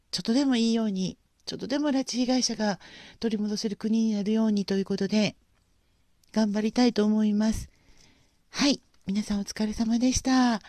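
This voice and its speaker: Soft-spoken woman hosting a livestream. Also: medium pitch, no room sound, studio quality. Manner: gentle and polite, many pauses and fillers. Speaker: livestream host. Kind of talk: casual livestream chat.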